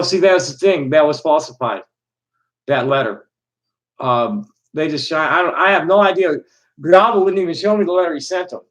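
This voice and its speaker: A middle-aged man from Chicago rambling casually to his chat, halting with frequent restarts and fillers. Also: on the high side, fairly bright tone, poor audio. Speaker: live stream host.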